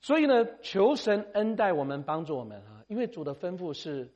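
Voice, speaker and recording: A middle-aged missionary delivers a sermon in a voice a little high for a man, fairly quick and very animated, rising and falling as he goes. He stays conversational, mixing in English phrases and tagging sentences with a friendly "ha". The recording's highs are cut off.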